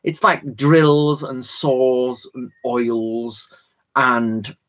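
Drawing out his words in a mid-range, somewhat bright voice, a man in his 40s runs a live-stream Q&A. It's a chatty, casual lecture that rambles off on tangents, full of slang and filler words.

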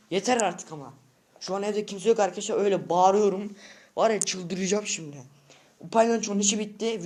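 A man's voice: high-pitched, a little mellow. A male vlogger at home, talking straight to his subscribers in an agitated, slang-heavy rant that keeps repeating the same short phrases. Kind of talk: unscripted casual vlog rant. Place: at home indoors.

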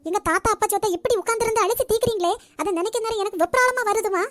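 A woman voicing a sharp-tongued, grasping middle-aged housewife in a cartoon, with a Nagercoil Tamil accent and a sarcastic, complaining manner. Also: extremely high pitch, rapid-fire, no room sound. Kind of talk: cartoon voice acting.

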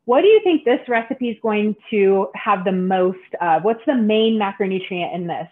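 A woman's voice: medium pitch, lively intonation, moderate pace. A woman in her thirties, a sports dietitian, leading a live online cooking demo for kids from a home kitchen, friendly and instructive with frequent "um" fillers. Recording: tinny video-call audio.

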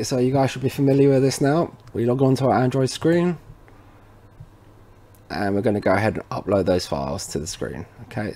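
A tutorial presenter for a tech retailer walks viewers through a how-to in a casual, informal way, talking straight to them and calling them "guys." His voice is medium-pitched and warm.

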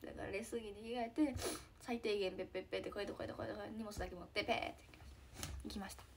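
A teenage girl with a Kansai accent chatting casually with fans on a live stream, giggly and trailing into soft murmurs. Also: medium pitch, steady tone, racing, slight background noise. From Hyogo, Japan. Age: teens. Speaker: idol trainee streaming to fans.

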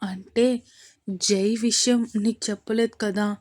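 A woman's voice: mid-range voice, steady tone, a little slow, a little mellow, natural voice. A woman voicing a shy younger sister who asks confused questions and stammers to her brother. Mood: hesitant. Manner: hesitant, confused.

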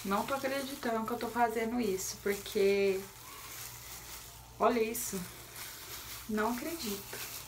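A fairly high-voiced woman with a Brazilian accent talks straight to her viewers, chatty and openly nervous. She records at home on a phone propped up nearby, and a faint hum of ambience sits under her voice. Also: steady tone, unhurried, pauses often. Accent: Brazilian Portuguese. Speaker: vlogger. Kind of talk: casual vlog chat to camera. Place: home, bathroom area. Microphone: phone camera set down nearby.

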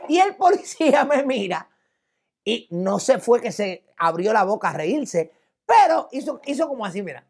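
A man's voice: high voice, moderate pace, vocal fry. A man with a Puerto Rican accent gives opinion commentary and tells a personal anecdote, acting out the voices of the people in it. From Puerto Rico. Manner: animated storyteller who acts out quoted voices.

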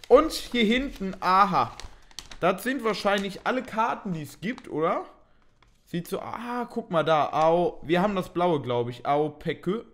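A man's voice: high voice, animated, a little slow, a bit bright. Chatty young man unboxing cards. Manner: chatty, thinks aloud, mildly self-mocking. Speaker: unboxing video host. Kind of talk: casual unboxing commentary.

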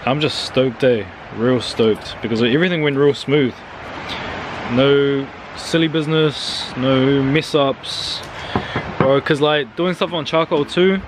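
A man's voice: medium pitch, background noise. A young man, talking casually and swearing loosely while filming himself cooking at a backyard grill and in a kitchen, holding the camera close. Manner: laid-back, slangy, swears casually. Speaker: cooking vlogger.

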